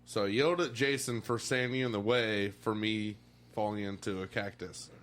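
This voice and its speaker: A man's voice: on the low side, fairly even intonation, normal speed, fairly bright tone. A man telling casual anecdotes like a frat bro, with slang, swearing and acted-out quotes. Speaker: reality show contestant.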